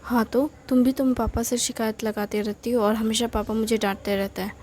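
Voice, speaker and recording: A woman's voice: a little high, level tone, a little fast, darkish tone, slight background noise, lightly acted. A woman voicing a teasing older brother who squabbles in a mock-stern way.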